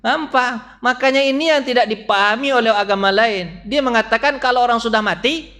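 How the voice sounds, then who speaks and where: A high-voiced man preaching to a mosque congregation, with an Indonesian accent and Malay-style phrasing. He keeps turning to the listeners with quick questions and acts out small sounds and voices. His delivery swings between loud, lifted peaks and low, quiet asides. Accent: Indonesian with Malay-style colloquialisms. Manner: asks the congregation frequent questions, addressing them as "Pak". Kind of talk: mosque dawn study sermon. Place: mosque hall.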